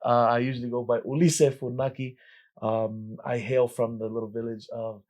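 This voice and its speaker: Warm, gracious man from Tonga. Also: mid-range voice, little pitch movement, normal speed. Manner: warm, grateful, laughs easily. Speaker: podcast co-host. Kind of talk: casual podcast chat.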